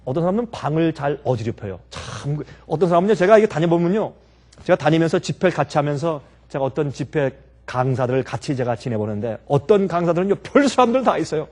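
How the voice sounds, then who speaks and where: Pastor, male, preaching; quick delivery, lots of rhetorical questions and little acted scenes. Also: a little high. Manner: lively, acts out everyday scenes and quotes. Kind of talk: sermon.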